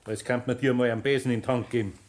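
In a 1960s radio play, an actor voices a patient but firm older master carpenter with a Bavarian accent, speaking in a homely, deliberate way. His male voice is mid-range, steady and natural, and the mood is patient and instructive.

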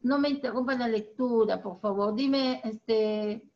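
A woman teacher, leading an online reading class and gently correcting pronunciation. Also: fairly high pitch, lo-fi sound. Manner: encouraging, corrects pronunciation slowly. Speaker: primary school teacher.

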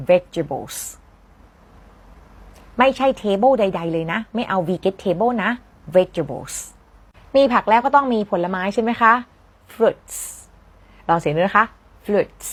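A woman from southern Thailand giving a casual online English lesson, chatty and playful, repeating each word slowly for students to practice. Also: mid-range voice, a bit bright, slightly rough. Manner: playful, teasing asides. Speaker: English teacher.

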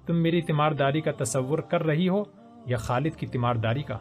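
A man's voice: mid-range voice, natural voice. A man voicing a playful, affectionate young woman who teases her friend like an older sister. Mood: teasing. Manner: playful, teasing.

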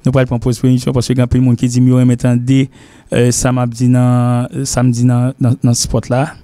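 A middle-aged man with a Haitian accent talks through a televised English lesson. He wanders and circles back on his points, slipping between languages. His voice is warm and mellow, recorded dry with almost no room sound. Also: medium pitch, completely flat delivery, fast talker, smooth, no room sound. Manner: rambling, repeats himself, mixes languages. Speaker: English teacher and show host. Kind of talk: TV lesson talk.

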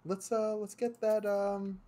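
Streaming a game from his room, a young man chats in a high-pitched, flat voice with a dark tone, taking his time. He rambles casually, often restarting and leaning on filler words.

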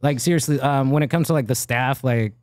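A man hosting a podcast in casual chat, excitable, laughing often and swearing. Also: mid-range voice, brisk. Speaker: podcast host.

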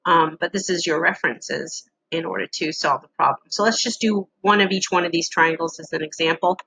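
A middle-aged woman giving a casual, halting lesson walkthrough with frequent pauses, as an instructor on a screen-share recording. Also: fairly low pitch, gravelly, bright, forceful tone, rough recording.

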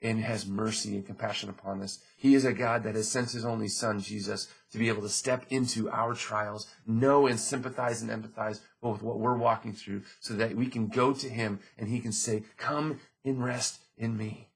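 A man's voice: on the low side, fairly even intonation, fairly quick, creaky, few pauses, breathy edge, low-quality recording. A man preaching a sermon, reading scripture verses aloud and explaining them with frequent restarts and repeated phrases. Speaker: pastor.

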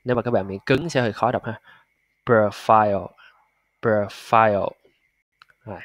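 Man, pronunciation teacher, patient repetition, average pitch, dry close sound. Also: no room sound. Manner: patient, repeats sounds slowly and drills them aloud. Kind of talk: pronunciation lesson.

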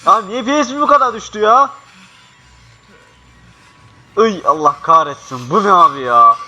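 A young man playing a horror game, swearing and jumpy, swinging from panicked yells to hushed mutters. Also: high voice, unhurried, dull audio, soft background music. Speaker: gaming youtuber. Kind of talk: horror game let's play commentary.

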